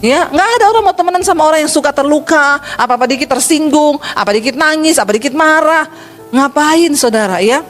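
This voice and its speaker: A woman's voice: sits high, a little fast, soft background music. A middle-aged woman pastor from Sulawesi preaching a sermon with humor, acting out quoted voices and calling the congregation brothers and sisters.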